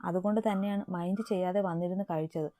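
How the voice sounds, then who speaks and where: Woman reader playing a shy young bride-to-be in a storybook romance, mellow and low. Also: steady tone, quick pace, no echo, studio quality, close to an everyday voice. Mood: tender. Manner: soft, shy.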